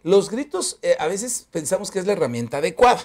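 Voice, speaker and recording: A man's voice: high-pitched, big pitch swings, a little fast, darkish tone. Chatty man hosting a talk show. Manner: conversational, frequent fillers like "este".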